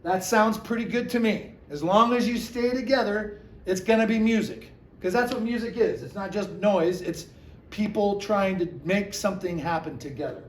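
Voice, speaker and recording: A man's voice: high voice, moderate pace. A man, a music teacher, giving a recorded lesson to a class of children, chanting rhythm syllables to show each part and encouraging them. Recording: echoey room with faint ambience.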